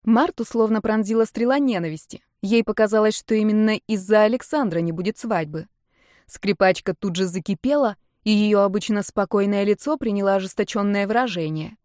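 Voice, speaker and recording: A woman's voice: medium pitch, fairly quick, darkish tone, no room sound, clean studio sound. Woman reading a story aloud. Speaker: narrator.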